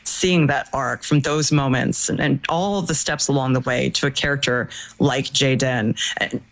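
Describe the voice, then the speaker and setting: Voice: medium pitch, fairly even intonation, moderate pace, fairly bright tone, rough recording. An interviewer asking long, thoughtful, analytical questions in a conversational tone.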